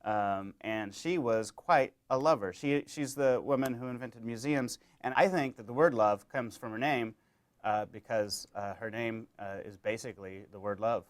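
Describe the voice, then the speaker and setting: A young adult man hosting a mock-educational comedy monologue, rambling and deadpan with many fillers. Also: medium pitch, normal speed. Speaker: comedy show host.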